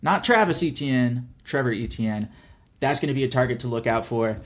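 A man's voice: mid-range voice, animated, normal speed. A man co-hosting a sports podcast in casual, bantering talk.

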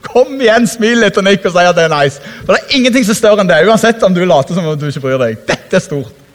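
Animated man preaching in a reverberant hall. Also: high-pitched. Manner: animated, conversational, laughs often, acts out quotes. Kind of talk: lively sermon.

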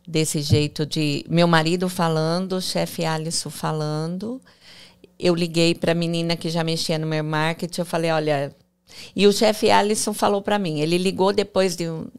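Woman with a low, gravelly voice. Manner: animated, repeats words while telling a story. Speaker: guest, mentor and speaker. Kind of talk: casual storytelling interview.

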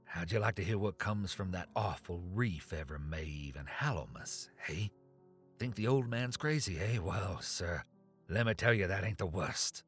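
Guy putting on a mad old man from an old fishing town, rambling frantic drawl, wild and swooping, soft music behind. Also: deep voice, expressive, unhurried, breathy edge, heavily acted. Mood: ranting. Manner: frantic rustic drawl, shrieking and whispering. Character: crazed old male townsman, rambling and terrified.

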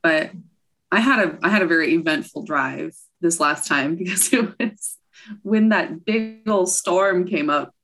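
Soft music plays in the background as a woman with a lower voice, talking a little slowly, shares road trip tales as a podcast guest. Her casual storytelling is lively and giggly, and she quotes herself along the way.

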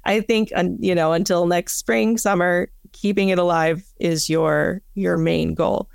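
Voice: mid-range voice, steady tone, measured pace, creaky, smooth, dry recording, clean studio sound. A podcast co-host in casual chat, explaining things plainly and matter-of-factly.

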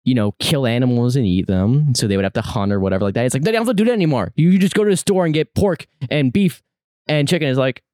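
A man's voice: mid-range voice, quick pace, dry recording, studio quality. A young man co-hosting a casual podcast who tells rambling stories full of fillers, in crude banter. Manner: rambling, many fillers, animated storytelling. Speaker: podcast co-host.

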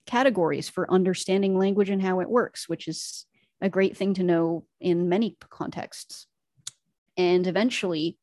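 Co-hosting an educational podcast with enthusiasm, this Latin teacher lays out her argument step by step in an earnest, explanatory way. She has a fairly low, warm voice, captured with a dry, clean studio sound.

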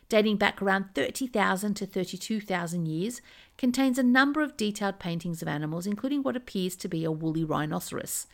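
A woman hosting a podcast, reading scripted narration in a measured, dramatic nature documentary manner. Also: medium pitch. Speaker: podcast host.

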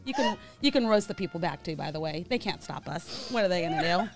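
A woman's voice: lowish voice, expressive, fast. A woman with a Californian accent and valley girl way of talking, hosting with casual, crude banter. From California, United States. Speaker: host of a live call-in show. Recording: music playing behind the voice. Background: mood music.

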